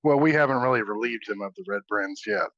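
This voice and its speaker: A man's voice: lowish voice, fast talker, a bit bright, dry recording. A man playing a tabletop game, chatting casually and laughing often. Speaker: player. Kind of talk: tabletop role-play. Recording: dull dry lo-fi sound.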